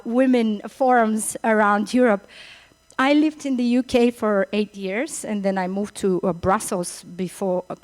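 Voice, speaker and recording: Opening a summit, a middle-aged Bulgarian-accented woman speaks in a mid-range voice, hesitating and repeating words. The recording is rough.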